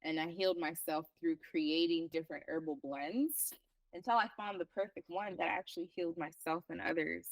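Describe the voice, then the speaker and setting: A young woman from Liberia talks earnestly about her path as a herbalist, pausing and restarting as she gathers her thoughts. Her voice sits low. The sound is dry, with her set back from the microphone. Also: steady tone, no echo, far from the mic, rough recording. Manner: earnest, reflective, halting restarts. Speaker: guest herbalist. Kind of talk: casual interview talk.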